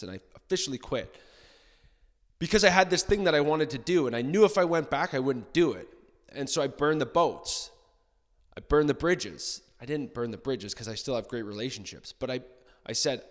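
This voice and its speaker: A man records a casual solo podcast in a bare room with long, ringing reverb, as echoey as under a bridge. His mid-pitched voice moves haltingly as he thinks aloud. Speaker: podcast host. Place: indoor room with bare hard walls.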